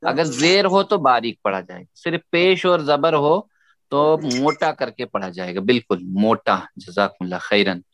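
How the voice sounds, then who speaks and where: A man's voice: medium pitch, lively intonation, moderate pace, fairly bright tone. A man teaching Quran recitation, patiently drilling letter sounds for students to repeat. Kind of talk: tajweed lesson, call and response.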